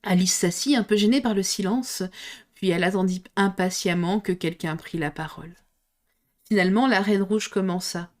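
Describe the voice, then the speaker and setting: A woman reading a classic storybook aloud in a steady, clear storytelling manner. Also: mid-range voice, normal speed. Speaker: reader.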